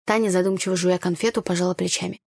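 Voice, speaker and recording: A woman reading first-person scripted narration of a story in an even storytelling manner. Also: on the low side, fast talker, creaky, dry recording, studio quality. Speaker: audiobook narrator.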